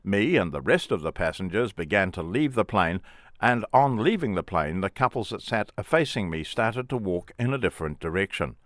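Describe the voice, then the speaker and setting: Brief: middle-aged man, deep and expressive, wry memoir reading, dry close mic. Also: normal speed, dry recording. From England. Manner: plain, wry first-person storytelling. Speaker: memoir author and narrator.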